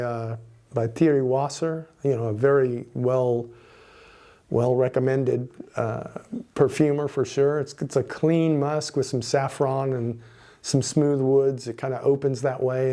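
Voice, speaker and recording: A man talks through a fragrance review in a loose, rambling way, restarting his sentences as he goes. His voice is mellow and dark, sitting at a middle pitch for a man. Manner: chatty, rambling, swears under his breath at mishaps. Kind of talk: casual product review.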